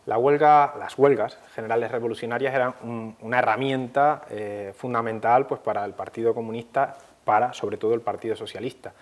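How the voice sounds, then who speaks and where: Speaking without a script, a male history commentator gives a measured, didactic historical explanation in a mid-range pitch and a steady tone. He frequently hesitates, repeating a word before moving on.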